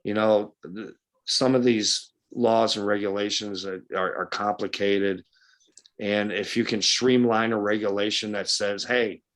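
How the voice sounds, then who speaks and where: A man's voice: lowish voice, fairly bright tone. A man from western New York talking bluntly and casually as a fishing guide at a club meeting, with a folksy, opinionated way of speaking.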